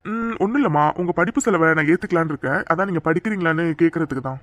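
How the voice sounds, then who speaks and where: A performer voicing a gruff but caring young man in a cartoon. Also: mid-range voice, lively intonation, very fast, a bit bright, no echo, lightly acted. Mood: earnest. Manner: gruff, earnest. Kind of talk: cartoon dialogue.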